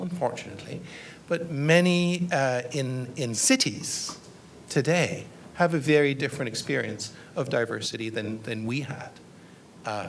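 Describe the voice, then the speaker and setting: A man's voice: fairly high pitch, fairly bright tone, slight background noise. A middle-aged man answering a student's question after a lecture, thoughtful and hesitant, with fillers and restarts. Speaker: guest lecturer. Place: lecture room.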